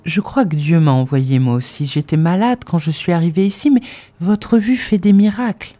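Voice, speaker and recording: A reader voicing a grieving woman in mourning, tender and anxious, pleading softly and rising into fervor, in an audiobook. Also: on the low side, normal speed, soft background music, lightly acted. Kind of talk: audiobook dialogue reading.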